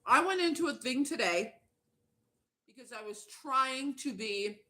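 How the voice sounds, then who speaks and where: Blunt, bright-voiced woman ranting on stream. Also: high voice, expressive, a little slow. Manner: blunt, profane, fired-up. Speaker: livestreaming YouTuber. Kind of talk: casual ranting livestream chat.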